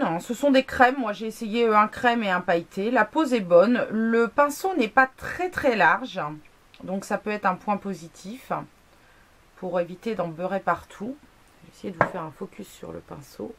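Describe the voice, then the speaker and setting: A woman vlogging a casual product review, chatty, with many fillers, asides and self-mocking jokes. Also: medium pitch. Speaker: beauty blogger.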